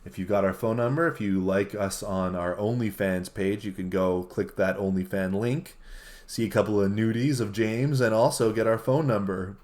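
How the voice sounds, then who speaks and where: A man hosting a live call-in show from his basement, using smooth radio-host patter with a playful mock-announcer delivery and jokey asides. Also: on the low side, steady tone, normal speed, a little mellow. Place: home basement studio.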